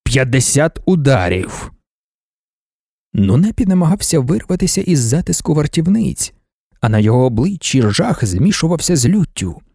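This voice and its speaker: Expressive male audiobook narrator. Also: a little high, a little fast, vocal fry, husky, no echo, studio quality. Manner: expressive storytelling. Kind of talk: scripted narration.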